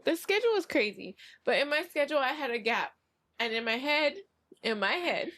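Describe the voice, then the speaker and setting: A young woman co-hosting a podcast, telling stories in casual, animated, slangy talk with swearing. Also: high-pitched, fairly quick. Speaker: podcast co-host. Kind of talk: casual storytelling chat.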